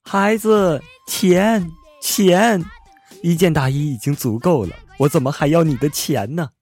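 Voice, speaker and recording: A man's voice: a little high, a little slow, a little mellow, soft background music, voice pushed up. A man voicing a cunning middle-aged woman clothes seller who calls out after a customer. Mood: shrill calling.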